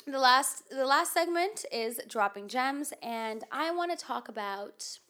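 With a high, expressive, unhurried voice that's a bit bright and nasal, an American woman hosting a podcast rambles through casual chat, packing it with fillers.

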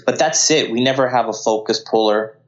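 A filmmaker and CGI artist from Colombia chats as an interview guest, sincere in tone and prone to restarting sentences. He speaks fairly quickly at a medium pitch, with dull-sounding audio in this casual conversation.

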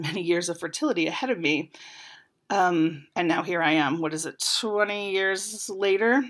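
Candid reflective woman in her forties. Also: on the low side. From United States. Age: 40s. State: slightly congested from a cold. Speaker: podcast panelist. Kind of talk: personal reflection.

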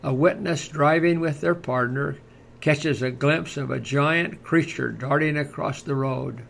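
A man reading scripted podcast narration in a measured, formal manner, like a nature documentary narrator. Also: a little high, gravelly, a bit bright. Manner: measured, formal read-aloud delivery.

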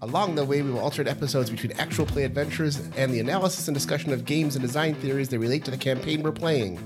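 A man reading a scripted podcast intro in an even delivery. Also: mid-range voice, fast talker, over music. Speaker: podcast host.

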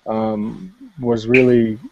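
A man co-hosting a podcast, talking casually and haltingly, with restarts. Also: fairly low pitch, flat delivery, a crowd in the background. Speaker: podcast co-host. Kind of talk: casual chat. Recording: dull, muffled lo-fi mic.

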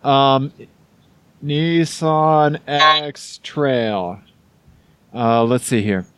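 A man's voice: mid-range voice, drawn-out words, a bit bright, smooth, dry recording. A man with a Missouri accent co-hosting a podcast in casual, jokey chat. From Missouri, United States. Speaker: podcast co-host.

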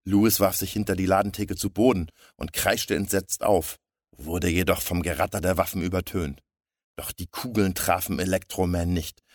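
Male storyteller, very low and husky, dry close recording. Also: dry recording. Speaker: narrator. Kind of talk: storybook reading.

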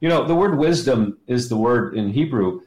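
A middle-aged American man, a ministry educator, appears as an interview guest and teaches in a conversational, enthusiastic way, repeating himself for emphasis. His mid-range voice is expressive and darkish at a normal speed, in a roomy, echoing recording.

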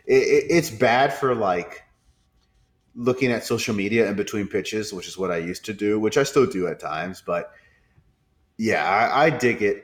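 Young male podcast co-host, deep low voice, relaxed casual chatter with restarts. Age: 20s. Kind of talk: casual sports chat.

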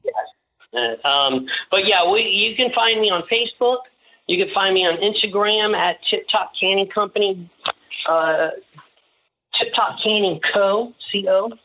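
A man chatting casually as an interview guest, rambling and halting, with a jokey way of talking. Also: sits high. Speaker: podcast guest, small-business owner. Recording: slightly dull, lo-fi sound.

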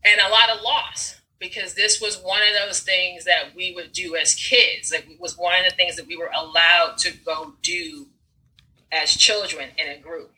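Bright, animated storytelling woman. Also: on the low side, normal speed, poor audio. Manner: animated storyteller, swears freely, acts out scenes. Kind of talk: casual conversation. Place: Brooklyn.

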